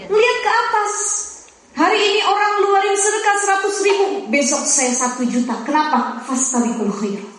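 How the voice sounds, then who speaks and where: High-voiced woman preaching in an echoey hall. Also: a little fast. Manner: lively, chatty, teasing the audience. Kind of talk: sermon to a women's gathering.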